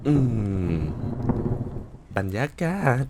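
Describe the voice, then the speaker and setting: A man's voice: drawn-out words, background noise. A man playing a horror game and talking casually, jumpy and muttering, swearing often and calling out nervous hellos. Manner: calls out nervous hellos into the dark. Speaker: gaming channel host.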